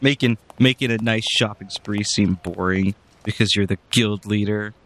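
Cocky male player, bright tone. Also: lowish voice, moderate pace. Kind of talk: casual tabletop role-play.

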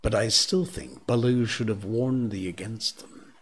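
A man voicing a cool, hard-eyed panther who speaks quietly and curtly, in a storybook reading. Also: a little slow, breathy edge. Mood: dry. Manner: quiet, low and clipped, near whisper.

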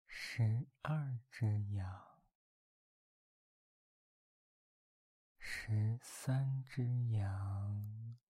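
Male actor as tender teasing boyfriend, binaural ASMR role-play: very slow, soft and mellow, intimate at the ear. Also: lowish voice, husky, dry recording, exaggerated voice. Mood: soothing, sleepy. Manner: intimate binaural murmur close to the listener's ear; slow, coaxing, playful. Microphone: very close binaural microphone, dry.

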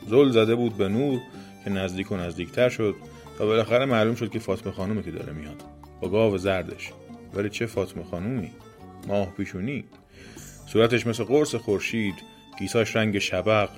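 A man narrating a folk tale as a storyteller, with gentle drama. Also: on the low side, soft background music.

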